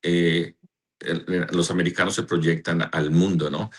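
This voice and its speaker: A pastor who also directs a church answers interview questions slowly and earnestly, searching for his words. His voice is low-pitched, husky, and level in tone.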